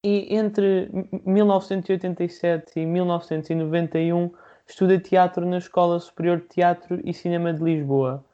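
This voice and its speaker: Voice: mid-range voice, steady tone, mellow. Formal interviewer, dull lo-fi sound. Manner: formal, measured questions. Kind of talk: interview questions.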